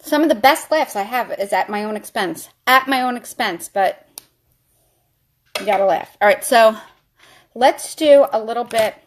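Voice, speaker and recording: A woman's voice: a little high, normal speed. A woman vlogger chatting animatedly, telling a story while doing her makeup.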